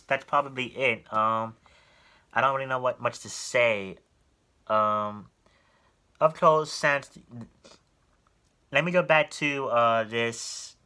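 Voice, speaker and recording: A man's voice: medium pitch, pushed and bright. A young man giving earnest, rambling advice in a casual vlog, with frequent ums and self-corrections. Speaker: YouTuber giving collector advice. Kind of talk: casual talking-head vlog.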